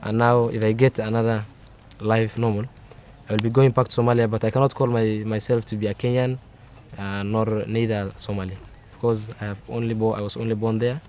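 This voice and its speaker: Young man, low voice, flat, earnest, stumbles over words. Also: a little fast, a little hiss or hum. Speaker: refugee. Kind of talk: interview answers.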